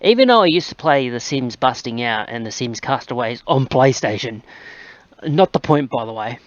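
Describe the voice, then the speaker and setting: A man's voice: mid-range voice, animated, normal speed, no room sound, dull audio. A man hosting a gaming channel, chatting casually and rambling with plenty of fillers as he plays. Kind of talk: casual gameplay commentary.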